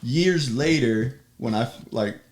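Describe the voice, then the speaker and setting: A man chatting as a podcast guest, telling a personal story in an animated way, acting out quotes and laughing often. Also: medium pitch, takes it slowly, slight background noise. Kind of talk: casual storytelling chat.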